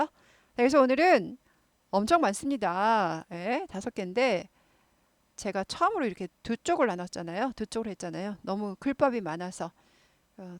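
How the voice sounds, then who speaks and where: A woman with a mid-range voice, recorded close and very dry, with no room sound at all. She teaches English grammar in Korean at a patient pace. She slows down to repeat single English words again and again for pronunciation drills. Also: mid-range voice, no room sound. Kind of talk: explaining English lessons in Korean.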